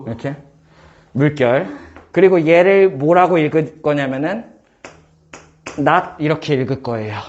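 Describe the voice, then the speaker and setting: A man teaching math in a casual one-on-one lesson, firing quick questions at his student and joking. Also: a little high, highs cut off. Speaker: math tutor.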